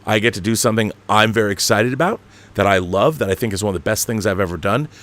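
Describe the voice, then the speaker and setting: Hosting a casual livestream, a man with a fairly bright-toned voice on the low side talks fast, rambling through a monologue and reading chat. He is emphatic and opinionated with fan enthusiasm, letting slip the odd casual swear.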